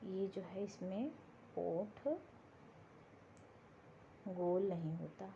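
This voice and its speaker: A woman's voice: fairly low pitch, fairly even intonation, extremely slow, creaky, muffled recording, a little hiss or hum. A woman teaching a grammar lesson for exam prep, explaining step by step and answering her own questions. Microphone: board lesson video, writing while talking.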